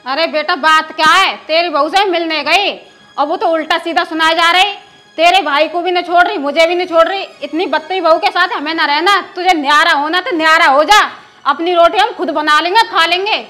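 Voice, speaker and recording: A woman's voice: very high voice, brisk, bright, forceful tone, soft background music. A woman playing an indignant rural mother-in-law who nags and scolds. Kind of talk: rural film drama acting.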